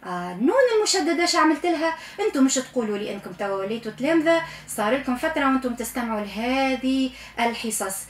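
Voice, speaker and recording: A woman with a Tunisian accent teaching Quran recitation in a radio lesson, coaching patiently and stretching sounds out slowly to demonstrate them. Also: high voice, lively intonation, echoey room, a little hiss or hum. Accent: Tunisian Arabic.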